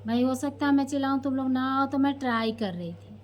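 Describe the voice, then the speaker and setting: Lonely old village woman, read by a woman storyteller, rustic speech, high voice. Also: a little fast, darkish tone, lightly acted. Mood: explaining.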